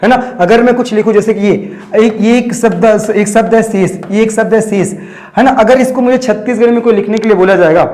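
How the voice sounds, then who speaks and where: A man from Chhattisgarh with a fairly high voice teaches an exam-prep grammar lesson. He keeps posing questions and answering them himself, repeating each key term. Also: fairly quick, few pauses, a little mellow. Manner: asks and answers his own questions, repeats key terms.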